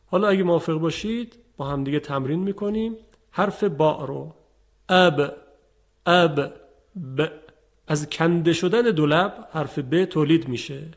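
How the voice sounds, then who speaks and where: A man teaching a tajweed lesson, calmly explaining and demonstrating letter sounds. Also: on the high side, gravelly. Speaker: Quran recitation teacher.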